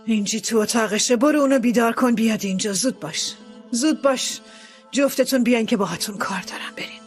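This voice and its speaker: A woman's voice: a little high, soft background music, natural voice. A middle-aged woman dubbing a controlling, scheming mother in a TV drama, commanding and sarcastic. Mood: scornful. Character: domineering scheming wealthy mother, sharp-tongued landowner. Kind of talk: dubbed TV drama.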